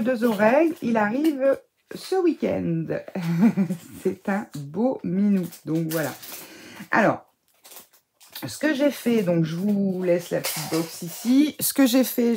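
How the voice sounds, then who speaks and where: A woman's voice: medium pitch, darkish tone, slight background noise. A woman with a cold, chatting casually to camera as she unboxes and gushes over scrapbooking supplies. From France. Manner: enthusiastic, chatty, many fillers and gushing praise. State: sick, voice affected. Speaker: scrapbooking crafter reviewing a subscription box.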